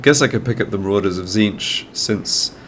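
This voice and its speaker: A gaming channel host with a cold, his fairly low voice a bit bright and slightly nasal, gives casual commentary on a strategy game at a moderate pace. He thinks aloud as he explains each move, with slight background noise in the recording.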